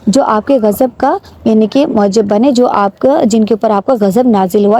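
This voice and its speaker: Patient Pakistani woman teaching slow recitation. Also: medium pitch, warm tone. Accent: Pakistani Urdu. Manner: patient, slow drawn-out recitation, points out common mistakes. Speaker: religious teacher. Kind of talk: teaching recitation with word-by-word Urdu translation.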